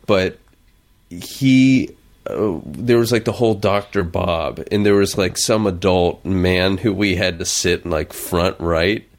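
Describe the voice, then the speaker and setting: A man's voice: deep voice, slow. A man reminiscing eagerly about an old stage production in casual podcast chat, rambling with many restarts. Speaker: podcast co-host.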